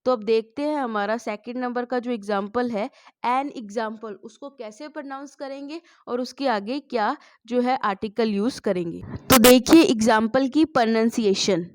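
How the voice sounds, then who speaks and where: A woman's voice: on the high side, moderate pace. A woman teaching a spoken English lesson, asking the class questions and answering them herself.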